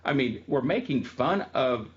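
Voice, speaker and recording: A man's voice: medium pitch, lively intonation, measured pace, lo-fi sound. A man giving a casual classroom lecture on music history, telling stories in a chatty way with frequent ums.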